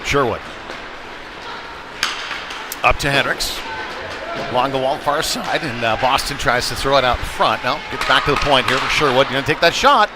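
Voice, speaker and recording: A man calls a live ice hockey game at the rink in an informal, conversational play-by-play style as a sports commentator. His mid-range voice moves at a moderate pace with long pauses. Loud arena music creates heavy background noise.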